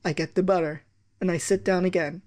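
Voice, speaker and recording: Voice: mid-range voice, fairly even intonation, brisk, a little mellow. A reader performing children's poems aloud, acting out the lines with sound effects. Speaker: poetry reader.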